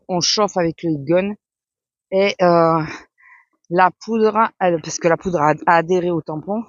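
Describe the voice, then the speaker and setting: A woman's voice: on the low side, no echo. Woman vlogger, casual rambling chat, muffled dry home recording. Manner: rambling, chatty, many fillers. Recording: dull lo-fi sound.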